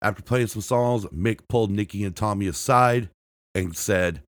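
A man's voice: lowish voice, moderate pace, no room sound, studio quality. A man hosting a podcast, reading music history aloud from a script, often stumbling and restarting words and marking quotes with "and I quote". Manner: reads from a script with frequent restarts and self-corrections. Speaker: podcast host.

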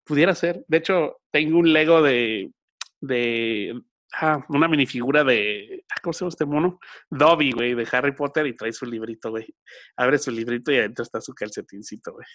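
A man with a Mexican accent chatting casually as a podcast co-host, full of slang and putting on quick voices in quotes. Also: medium pitch, fairly bright tone. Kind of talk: casual chat.

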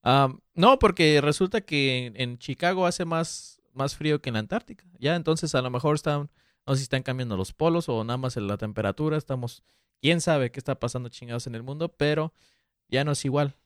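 A man's voice: medium pitch, brisk, a bit bright, smooth, no room sound, clean studio sound. A man co-hosting a podcast, joking and swearing freely in casual chat. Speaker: podcast co-host.

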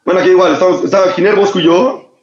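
A man's voice: high-pitched, fairly even intonation, racing, reverberant, highs cut off, crowd noise. A young man with a Mexican accent, co-hosting a casual chat and telling stories in slang, often laughing.

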